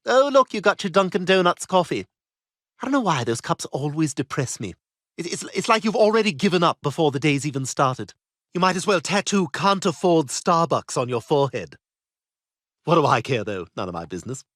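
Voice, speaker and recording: A man's voice: a little high, big pitch swings, brisk, a bit bright, no echo, studio quality. An actor voicing a snobbish, catty British baby boy in a cartoon, talking in a posh, cutting, theatrical way. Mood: condescending. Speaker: patient. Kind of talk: cartoon voice acting.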